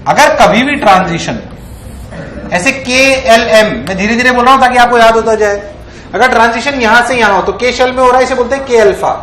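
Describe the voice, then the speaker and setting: A man lecturing on physics in a lively way, often asking the class if it is clear. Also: extremely high pitch, fairly quick, a little hiss or hum. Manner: acts out electrons in playful voices. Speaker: physics teacher. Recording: echoey classroom.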